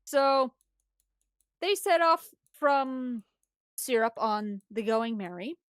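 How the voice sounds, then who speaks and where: A woman streamer casually retelling a story, animated and rambling, often restarting her sentences. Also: fairly high pitch, slow pace, no room sound, studio quality.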